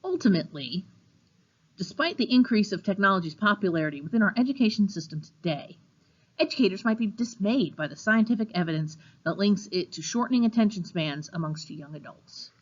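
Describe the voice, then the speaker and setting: A woman English teacher giving a recorded lecture over slides, explaining things clearly with an occasional um. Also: mid-range voice, lively intonation, brisk, muffled recording. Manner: clear, instructive, with occasional fillers.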